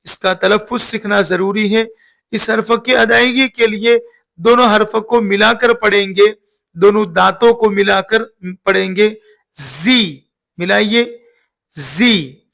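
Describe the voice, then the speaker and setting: A man with a high, bright voice gives a recitation lesson, stretching out each letter sound so learners can copy him. He speaks at an unhurried pace with a gravelly edge and repeats every sound more than once. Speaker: Quran reading teacher.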